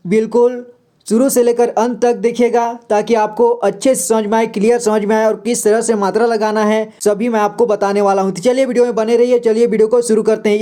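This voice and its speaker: A man's voice: high voice, mellow. A man teaching a step-by-step reading lesson, patient, repeating words and asking the viewer questions.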